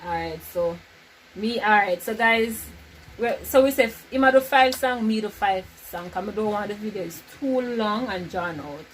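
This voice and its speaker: A woman's voice: mid-range voice, normal speed, slight background noise, low-quality recording. A woman with a Jamaican accent hosting a casual, playful vlog. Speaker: vlog host.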